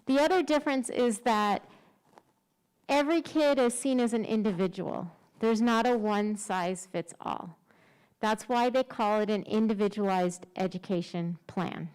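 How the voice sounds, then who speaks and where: A middle-aged special education director gives a conversational conference presentation, informal and self-deprecating, her words slightly muffled by a face mask. Her mid-range voice is smooth with a darkish tone, and the recording is rough.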